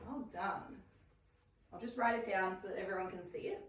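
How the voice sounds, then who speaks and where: A woman trains a small first aid class in an indoor room, speaking in an affirming, encouraging way at a moderate pace and medium pitch. The recording is echoey, with a distant mic and faint noise.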